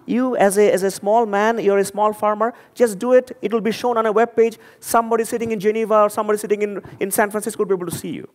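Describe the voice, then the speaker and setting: A Bangladeshi man with a Bangladeshi accent speaks at a conference, his high voice moving little in pitch as he talks fast with hardly any pauses. His talk is earnest and emphatic, and he often repeats words while searching for the right ones. A long hall reverb surrounds the recording.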